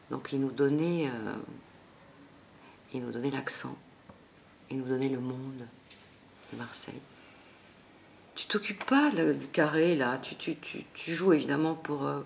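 Gravelly Southern French woman telling stories. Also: deep voice, slight background noise. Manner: lively, expressive storytelling with frequent restarts. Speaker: actress interviewed. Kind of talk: casual anecdotal interview.

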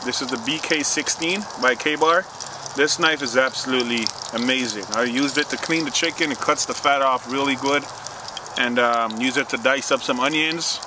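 A man's voice: mid-range voice, normal speed. A man in his thirties casually showing gear to viewers while cooking in the winter woods. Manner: relaxed, chatty, addresses viewers directly. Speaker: outdoor cooking vlogger. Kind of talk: casual demo talk. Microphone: chest-mounted action camera. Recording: distant outdoor camera mic with wind noise.

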